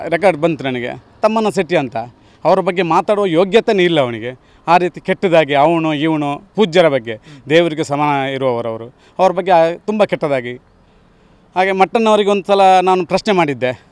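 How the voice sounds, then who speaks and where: A man's voice: fairly high pitch, smooth, no echo. A middle-aged man, a local worker answering a street interview emphatically and indignantly, repeating his points. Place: outdoors near a temple town.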